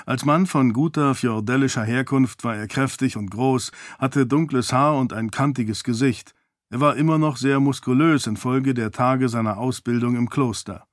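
A man reading a fantasy audiobook in a calm, measured narration. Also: mid-range voice, no room sound, clean studio sound.

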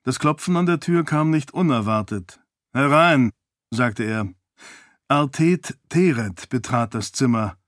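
A man reading a fantasy audiobook in a calm, measured narration. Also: mid-range voice, dry recording, clean studio sound.

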